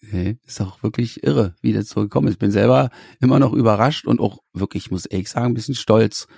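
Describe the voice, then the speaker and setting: A man's voice: on the low side, quick pace, creaky, slightly rough, no echo, studio quality. A man being interviewed as a musician, talking animatedly and often restarting his sentences. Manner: animated, searching for words with restarts. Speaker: musician guest. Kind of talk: conversational interview answers.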